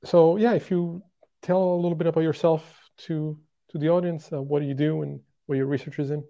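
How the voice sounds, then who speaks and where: A man's voice: on the high side, flat delivery, vocal fry, dark tone. A man hosting an online interview podcast, talking casually with many ums and uhs. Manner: halting, filler-heavy, friendly. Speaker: podcast host.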